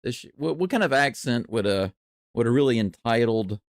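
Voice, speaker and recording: A man doing live baseball play-by-play and reaction in a chatty, excitable way. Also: medium pitch, moderate pace, no echo, clean studio sound. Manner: excitable, chatty, jumps from calm to loud cheering. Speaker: play-by-play streamer.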